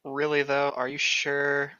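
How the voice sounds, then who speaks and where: Another co-host of the comic book read-aloud show is a man with a high-leaning, monotone voice that's sharp yet smooth. He jokes around, chats playfully and laughs readily, recorded dry with a slightly dull quality.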